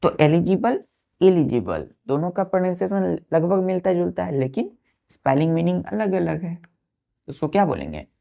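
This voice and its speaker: A woman's voice: lowish voice, very animated, normal speed, creaky, warm tone. A woman teacher giving an exam-prep vocabulary lesson, spelling words letter by letter and often checking that students follow.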